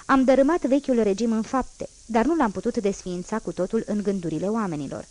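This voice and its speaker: A woman's voice: a little high, darkish tone, natural voice. A proud, unbending old revolutionary man, as a woman reader puts him on in a storybook reading. He declaims each point firmly and with emphasis, never giving ground. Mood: unyielding. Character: fierce old male revolutionary, unyielding and proud.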